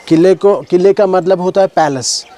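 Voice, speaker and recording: Kashmiri-accented male walk leader, fairly high pitch, talks to schoolchildren outdoors, explanatory, asks them questions. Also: mellow, no echo. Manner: explanatory, asks questions of the children, mixes in English words. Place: outdoors at a stone heritage site.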